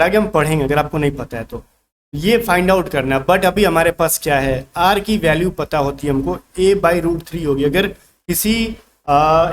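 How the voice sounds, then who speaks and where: Male math tutor, slightly higher voice, casual step-by-step explainer, faint background hiss. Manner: casual Hindi-English mix, talks through working step by step. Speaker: math teacher. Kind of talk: online exam-prep math class.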